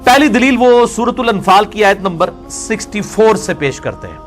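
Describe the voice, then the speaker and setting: A man's voice: high-pitched, expressive. A man delivers a religious lecture. He works through scripture verse by verse in a combative way. Faint music plays under his voice. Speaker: religious scholar.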